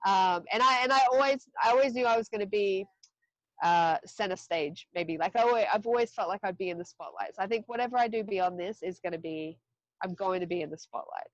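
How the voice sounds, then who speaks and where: Woman, 30s, from Australia, candid podcast guest, mid pitch, dry sound. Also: no room sound, rough recording. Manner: candid, frequent swearing and laughing asides. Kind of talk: casual interview chat.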